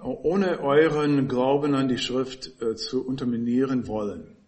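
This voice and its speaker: A man giving an expository Bible teaching, explaining the text in a measured way and stressing key words with pauses. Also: mid-range voice, a little mellow.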